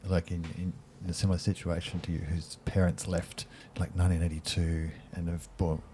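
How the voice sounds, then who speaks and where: A man, an interviewer asking gentle, probing questions and giving frequent affirmations. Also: low-pitched, flat delivery, normal speed, a little hiss or hum. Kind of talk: casual interview.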